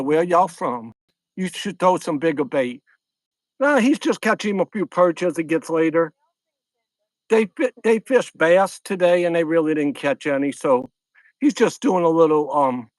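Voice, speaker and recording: Through his phone, a middle-aged fishing channel host with a Louisiana accent streams a casual chat from a lakeside camp at night. The sound is dry and close with no room sound, and his voice sits fairly high for a man. He rambles, repeats lines, and greets viewers one by one.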